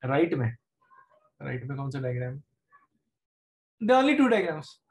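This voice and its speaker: A middle-aged man with an Indian accent teaches maths informally in a live online screen-share class from his desk indoors, popping short questions to check understanding. He speaks fast at a medium pitch and sounds very animated.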